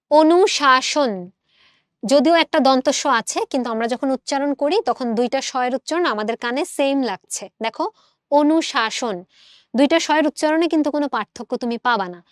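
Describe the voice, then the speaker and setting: A woman's voice: high voice, dry recording, studio quality. A woman teaching an exam prep lesson, explaining step by step and repeating words aloud to demonstrate them.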